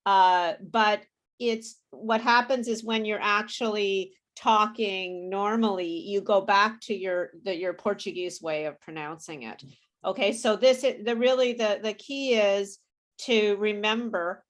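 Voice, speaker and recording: A woman with a standard American accent who teaches pronunciation in a casual, encouraging way, demonstrating sounds word by word. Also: mid-range voice. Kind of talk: casual online class teaching.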